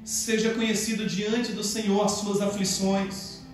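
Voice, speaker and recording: A man preaching an evangelical sermon with fervor, often shouting. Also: high voice, flat delivery, unhurried. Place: church hall. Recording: echoey hall, far from the mic, with soft music.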